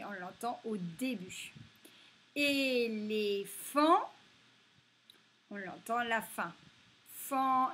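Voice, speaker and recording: A woman teaching a reading lesson to young children, slowly stretching and stressing each example word. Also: mid-range voice, bright, forceful tone, breathy edge. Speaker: primary school teacher.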